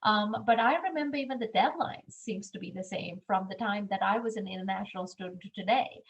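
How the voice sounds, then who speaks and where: Over a video call with dull audio, a middle-aged Sri Lankan woman on a university admissions staff presents a webinar earnestly and briskly in a mid-range voice. She fills her speech with frequent ums.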